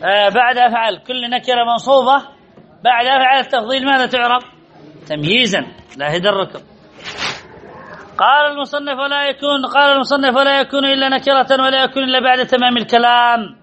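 A man's voice: extremely high pitch, pushed and bright. A man teaching a grammar lesson, asking his students questions and answering them himself, repeating the key points. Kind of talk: classroom lesson. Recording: dull lo-fi recording.

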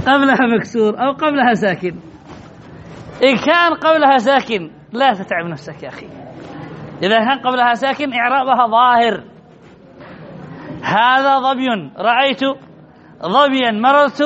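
A man's voice: extremely high pitch, a bit bright. A man teaching a grammar class, asking his students questions and answering them himself, often repeating key words. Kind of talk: classroom lesson on Arabic grammar. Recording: dull lo-fi recording with faint noise.

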